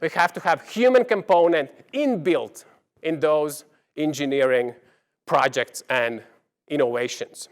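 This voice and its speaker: Man, somewhat high pitch, keynote speaker in front of an audience, emphatic key words, halting phrasing. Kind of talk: conference keynote presentation with slides.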